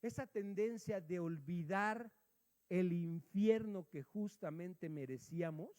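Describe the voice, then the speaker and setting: Pastor guy, really high voice, storytelling sermon, big hall echo. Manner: storytelling, acting out dialogue, swinging from quiet to loud. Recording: long hall reverb.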